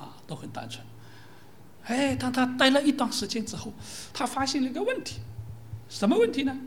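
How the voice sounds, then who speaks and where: A preacher giving a sermon in lively storytelling style, often asking "right?" of the listeners and dropping into soft, near-whispered asides. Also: mid-range voice, a little hiss or hum. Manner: lively storytelling with rhetorical questions.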